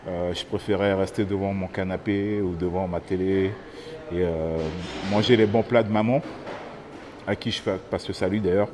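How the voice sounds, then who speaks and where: A man in his thirties from French Guiana gives a personal testimony, thoughtful and pausing often as he searches for words. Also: low voice, fairly even intonation, background noise. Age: 30s. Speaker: interviewee.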